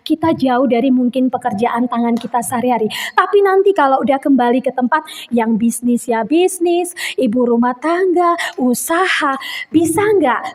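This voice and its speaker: High-pitched lady giving a sermon, bits, acts out her stories. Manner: animated storytelling, acting out quotes. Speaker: preacher.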